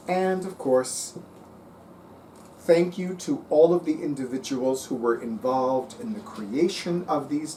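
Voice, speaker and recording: A man in his fifties with Cuban heritage, talking about his tarot cards in an animated, casual vlog and swearing freely. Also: a little high. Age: 50s. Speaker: tarot reader and YouTuber. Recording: voice a bit far from the mic, faint room noise.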